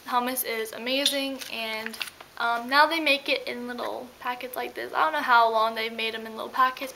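A young woman chatting excitedly about her favorite products in a casual home vlog, out of breath and rambling. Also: sits high, slight background noise, rough recording. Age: young adult. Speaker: beauty vlogger. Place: at home indoors.

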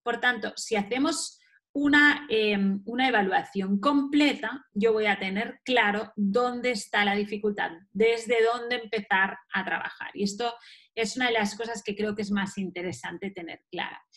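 A woman's voice: mid-range voice, measured pace, fairly bright tone. A woman from giving a recorded lecture, explaining step by step and answering her own questions. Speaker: teacher.

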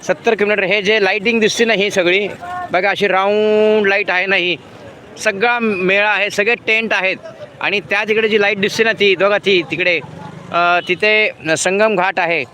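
Brief: fifties male live-streamer, slightly high voice, rambling and friendly, outdoor phone audio with faint traffic behind. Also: fairly even intonation, moderate pace, bright, forceful tone. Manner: chatty, with many fillers and restarts. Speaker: vlogger. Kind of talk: live-stream walking vlog. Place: outdoors on a city road at night.

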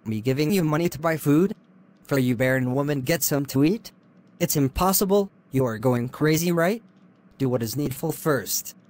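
A man's voice: fairly high pitch, normal speed, natural voice. A man voicing a scornful, domineering husband. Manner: insulting, domineering shouts. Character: harsh, scornful husband, young adult man. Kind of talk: animated drama voice acting.

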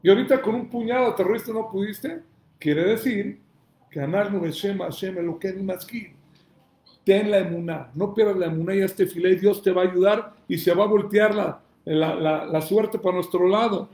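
Male rabbi, fiery question-and-answer sermon delivery, high-pitched, recorded in a reverberant room. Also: a little fast. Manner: emphatic preacher, asks and answers his own questions, shouts calls to God.

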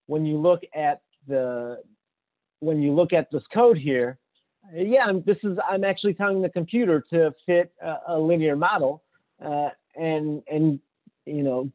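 A man giving a casual technical talk with slides, rambling with many fillers and restarts. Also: medium pitch. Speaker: conference speaker. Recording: tinny phone-like audio.

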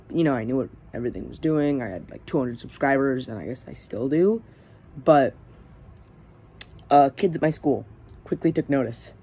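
A man's voice: medium pitch, expressive, moderate pace, dark tone, husky. A teenage young man hosting his own channel, talking casually and hesitantly with many fillers and restarts. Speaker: channel host. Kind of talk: casual rambling vlog.

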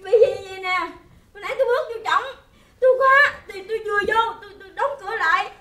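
A jumpy countryside wife, played by a woman in a stage comedy skit, with a very high, bright, piercing voice. She rambles in a quick, breathless squeal. The sound is roomy and picked up from a distance. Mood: frightened. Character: jumpy, shrill countryside wife visiting friends. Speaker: visiting wife.

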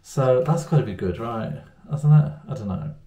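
A vlogger chats to the camera at home in a rambling, self-mocking way, his medium-pitched voice mellow, lively in intonation and at a normal speed. The camera sits at arm's length in a small room, so the sound has a roomy echo.

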